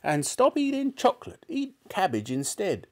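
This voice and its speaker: A man performs a wicked little old grandmother from a children's storybook, using a very high voice with huge pitch swings at a moderate pace. She's bossy and scornful, snapping out orders and relishing anything disgusting.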